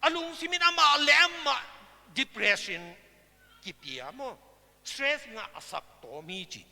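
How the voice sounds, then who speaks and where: Slow, lively high-voiced male preacher. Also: creaky, in a large hall. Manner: slow, emphatic preaching with wide swings in pitch and loudness. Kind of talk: sermon. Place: church service.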